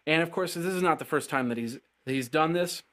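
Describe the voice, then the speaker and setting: A man's voice: a little high, fairly quick, a bit bright. A man hosting a casual tech news show, chatty and upbeat, often stumbling and restarting his phrases.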